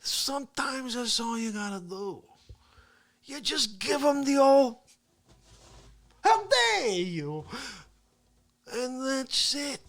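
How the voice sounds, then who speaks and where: A performer playing a brash, boastful male talk-show host who rambles through a comedy rant, swinging between loud yelling and hushed asides. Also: high-pitched, slow. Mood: rambling, boastful. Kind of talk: comedic character monologue.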